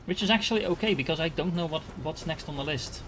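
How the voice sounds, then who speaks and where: A Dutch-accented gaming streamer from the Netherlands casually comments on the game he's playing, thinking aloud with many fillers and restarts. He talks fast in a voice on the high side, against a noisy background.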